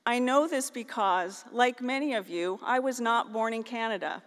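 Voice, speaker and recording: A woman's voice: fairly high pitch, normal speed, a bit bright. A middle-aged woman from the US, giving a formal graduation keynote at a podium microphone on a large auditorium stage. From northeastern Ohio, US. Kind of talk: formal ceremonial speech. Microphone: podium microphone on a stand. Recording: long hall reverb.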